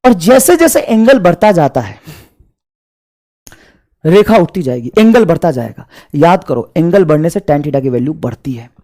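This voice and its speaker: Male math teacher, animated sing-song delivery, drills points by repetition, fond with students. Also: fairly high pitch, normal speed. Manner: addresses students fondly as children. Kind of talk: classroom lesson.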